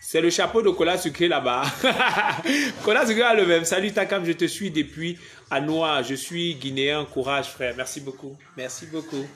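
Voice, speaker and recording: Casting: young Cameroonian comic on a live stream, joking, reads viewer comments, voice a touch high. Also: male voice, normal speed, fairly bright tone. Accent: Cameroonian French. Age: young adult. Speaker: comedian doing a live stream. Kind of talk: casual live-stream chat.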